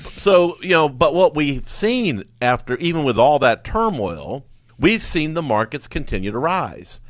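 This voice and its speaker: A man hosting a radio finance show, talking in a casual, animated way and laughing often. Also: on the high side, unhurried, no echo. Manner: animated, laughs often, mocks carefree investors in a sing-song voice. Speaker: financial adviser radio host. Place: radio studio. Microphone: studio mic.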